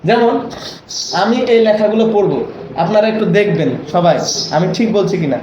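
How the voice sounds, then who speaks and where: A man's voice: high-pitched, moderate pace, darkish tone. A man leading a training session for teachers, coaxing and often asking for agreement. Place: training room. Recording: echoey room, dull lo-fi, noisy.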